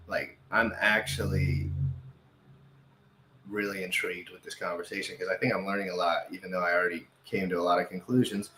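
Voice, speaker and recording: A man's voice: sits low, fairly even intonation, brisk, pushed and bright, reverberant, a little hiss or hum. A man hosting a casual crypto livestream, rambling and correcting himself, often repeating phrases for emphasis.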